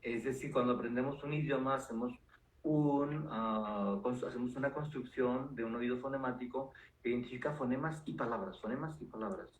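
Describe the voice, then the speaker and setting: A man, a neuropsychologist guest calmly explaining ideas with frequent fillers. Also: medium pitch, fairly quick. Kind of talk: explanatory interview talk. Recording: roomy echo with faint noise.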